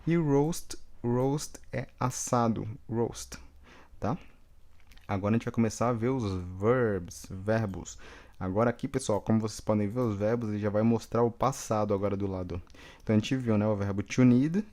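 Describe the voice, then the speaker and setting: A Brazilian man with a Brazilian Portuguese accent teaches English vocabulary in a bilingual lesson, repeating each word and checking in with the class. His voice is mid-range with a darkish tone.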